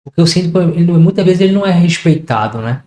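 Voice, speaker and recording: A man's voice: on the high side, expressive, quick pace, mellow. A man hosting a podcast in a slightly raised voice, speaking respectfully and deferring to his guest. The room around him is echoey. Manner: deferential, calls the guest doctor. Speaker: podcast host. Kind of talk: casual podcast conversation.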